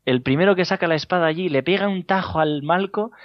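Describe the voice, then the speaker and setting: A man with a Spain Spanish accent preaching a sermon as a priest, telling stories with gentle humor and chuckles. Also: sits high, fast, dry recording. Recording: dull lo-fi dry sound.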